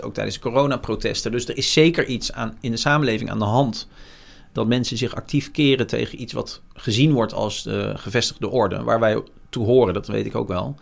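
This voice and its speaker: A man in his forties with a gravelly, slightly rough voice, speaking as a news journalist in a relaxed interview. He talks frankly and reflectively, with frequent hesitations as he gathers his thoughts, at a mid pitch. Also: fairly quick. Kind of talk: candid interview conversation.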